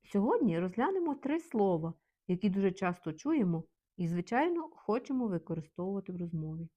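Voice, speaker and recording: A woman teaching vocabulary in a calm, measured way, repeating example phrases slowly. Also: medium pitch. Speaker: language teacher.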